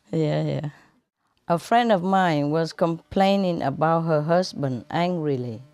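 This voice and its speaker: Slow-paced woman laughing at her jokes. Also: deep voice, darkish tone, no room sound. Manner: laughs at her own punchlines. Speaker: joke teller. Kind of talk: reading out jokes.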